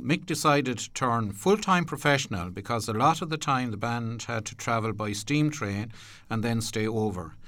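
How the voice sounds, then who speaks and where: A man with an Irish accent hosting a radio programme from a studio, presenting in an unhurried, courteous, slightly hesitant way. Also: mid-range voice, a bit bright, dry recording. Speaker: radio host. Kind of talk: radio presenting, part prepared narration, part chat.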